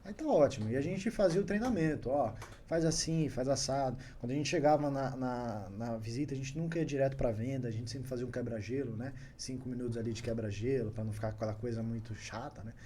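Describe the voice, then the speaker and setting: A man tells stories as a podcast guest in a lively, chatty way. His voice sits in the middle range. A faint hiss lies under the recording. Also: mid-range voice, fast talker, few pauses. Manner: animated anecdote-telling, chuckles often. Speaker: guest entrepreneur. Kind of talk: casual podcast storytelling.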